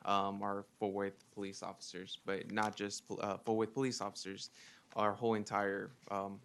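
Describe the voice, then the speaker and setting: A man's voice: on the low side, fairly bright tone, clear, resonant tone. A young man in his twenties from Mexico, giving earnest prepared testimony to a legislative committee with frequent ums. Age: 20s. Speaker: witness testifying.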